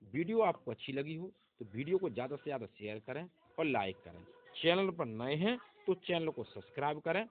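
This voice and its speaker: A man's voice: a little high, very animated, fairly quick. A man teaching an English pronunciation lesson, repeating each rule several times and quizzing the viewer with questions. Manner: repetitive, drilling rules and asking questions to the viewer. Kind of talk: grammar lesson. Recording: tinny phone-like sound.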